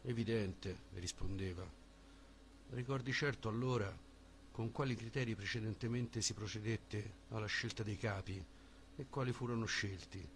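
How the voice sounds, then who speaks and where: A man reading a philosophical dialogue as an audiobook, with slow, deliberate phrasing. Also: on the low side, slight background noise. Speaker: audiobook reader.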